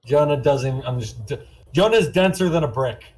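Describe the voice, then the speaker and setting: A man's voice: medium pitch, expressive, normal speed, a little mellow. A man chatting casually as a tabletop game player, narrating what his character does. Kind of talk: casual role-play chat and narration.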